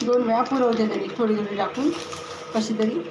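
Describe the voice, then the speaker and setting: A woman's voice: on the high side, fairly even intonation, normal speed. A woman chatting at home in a casual vlog, coaxing and scolding her pets. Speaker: home vlogger. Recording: echoey room with loud background noise.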